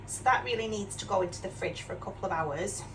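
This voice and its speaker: An older woman from Yorkshire, England, with a mixed northern English accent and a medium-pitched voice at a quick pace, chats self-deprecatingly while cooking in her home kitchen for her vlog, often ending sentences with tag questions. The mic is distant and background noise is clearly audible.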